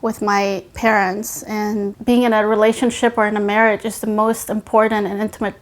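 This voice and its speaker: A woman's voice: mid-range voice, level tone, normal speed. A woman from Afghanistan giving an earnest, reflective documentary interview about her own life. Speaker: interview subject.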